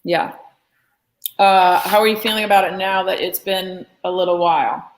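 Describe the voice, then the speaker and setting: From her studio, an adult woman hosts a live art lesson, chatting loosely and casually without a script, full of filler words and asides. Her somewhat low voice is steady and moves at a normal speed. The recording is rough.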